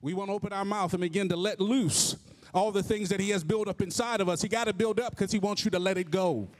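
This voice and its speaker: High-voiced emphatic male preacher. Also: quick pace. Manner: emphatic, repeating refrains. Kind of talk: sermon.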